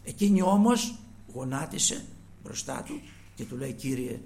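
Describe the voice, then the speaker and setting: A man's voice: medium pitch, very animated, a little mellow. A man preaching a sermon, earnest and retelling scripture with quoted pleas, often trailing his phrases off to a near-whisper.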